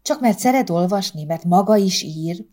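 A woman voicing a timid but loyal wife and mother who speaks in a gentle, pleading way. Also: fairly low pitch, animated.

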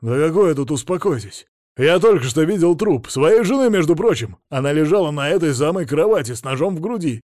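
A man voicing a drunk, frantic middle-aged millionaire who shouts and blusters in agitation. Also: a little high, animated, fairly quick, no room sound, clean studio sound, voice pushed up, close to an everyday voice. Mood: frantic shouting.

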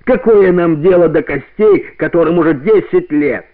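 A man's voice: fairly high pitch, normal speed, voice pushed up, close to an everyday voice. A man voicing a hostile, jeering wolf pack in a radio play, howling and snapping in a raised voice on a narrow-band old radio recording.

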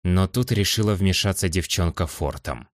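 A man reading a fantasy audiobook in calm, measured first-person narration. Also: deep voice, dry recording, clean studio sound.

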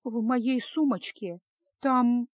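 A frightened wife near forty in a storybook reading, her voice lifting higher and tight with worry, as a woman narrator puts her on. She pleads in a tense, breathless way. The sound is dry and close. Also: slow pace, no echo. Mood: fearful. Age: 30s. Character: anxious woman near forty, tearful and fearful. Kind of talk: audiobook character voice.

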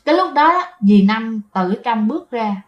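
A woman's voice: fairly high pitch, lively intonation, normal speed, dull audio. A woman with a Southern Vietnamese accent telling a ghost story in a chatty way, often turning to her listeners and repeating phrases.

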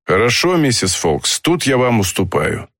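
A man reading an audiobook, voicing a stern, measured police inspector. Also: medium pitch, sing-song, a bit bright, no echo, studio quality. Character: middle-aged male police inspector, stern.

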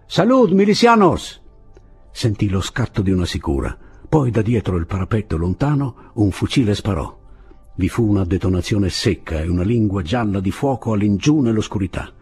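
A man narrating a novel as an audiobook reading, with expressive literary delivery. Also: fairly low pitch, a little fast, husky, faint music behind.

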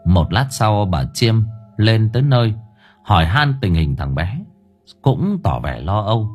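A man narrating a ghost story in an expressive, lively storytelling manner. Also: on the low side, measured pace, soft background music. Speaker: audiobook narrator.

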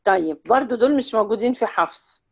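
A woman with an Egyptian Arabic accent teaching Quran recitation one-on-one, stretching example words out slowly and checking in often with short questions. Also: a little high, animated, gravelly. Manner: drawls out example words slowly to demonstrate sounds. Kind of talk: one-on-one tajweed lesson.

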